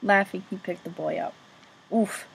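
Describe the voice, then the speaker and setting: A woman's voice: mid-range voice, moderate pace, creaky, slightly rough, low-quality recording. A woman reading a novel chapter aloud as an amateur reader, casually remarking on her own slips.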